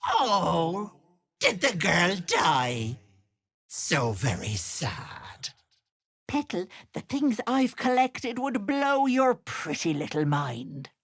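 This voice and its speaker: An actress playing a sinister old hag who poses as a kindly auntie in a video game, cooing mocking endearments in a theatrical way. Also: female voice, on the low side, big pitch swings, very slow, fairly bright tone, full character voice. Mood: sly, mocking. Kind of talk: video game character acting.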